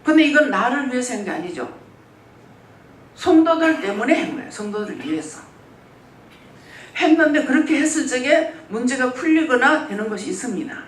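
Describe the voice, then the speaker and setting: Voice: normal speed, pauses often. A pastor preaching a sermon in a church, telling stories and acting out what people said. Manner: lively storytelling, acts out quoted speech. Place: church sanctuary. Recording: roomy church hall, mic at a distance, faint rumble.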